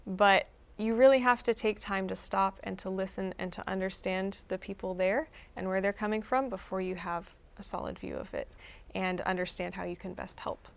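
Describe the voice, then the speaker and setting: Speaking in a creaky, medium-pitched voice, a young emergency room nurse answers questions as a guest on a faith interview. She is thoughtful and friendly, though she hesitates at times.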